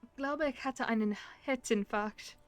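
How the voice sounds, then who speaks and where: Woman, let's play host, giggly, chatty, slightly high voice. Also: measured pace, faint music behind. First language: German. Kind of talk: gaming let's play, reading dialogue aloud.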